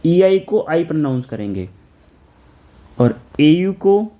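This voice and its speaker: A man's voice: a little high, big pitch swings, takes it slowly, muffled recording. A man teaching German for an exam, explaining each answer step by step, chanting article tables aloud and reading English questions.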